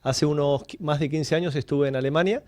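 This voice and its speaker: Fairly high yet darkish in tone, this Spanish man's voice stays steady and brisk on a dry recording. As a guest coach on a radio talk show, he explains time management, weaving in stories and using questions to develop each point.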